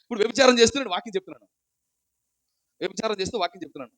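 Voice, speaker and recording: A man's voice: high-pitched, animated, very fast, fairly bright tone, dry recording, rough recording. A man preaching a sermon, asking rhetorical questions and repeating his points. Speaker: pastor.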